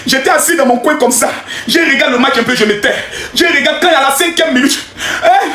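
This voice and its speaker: A man from Cameroon, hosting an excited livestream reaction, shouting, laughing and preaching in a sing-song way. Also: extremely high pitch, quick pace. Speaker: live streamer. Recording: echoey room.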